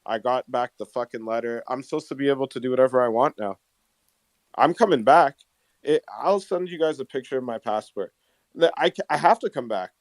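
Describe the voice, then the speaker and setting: Man, casual group call, swears a lot, middle pitch, dry close sound. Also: a little fast, no room sound. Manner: swears a lot, frustrated rant. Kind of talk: casual chat.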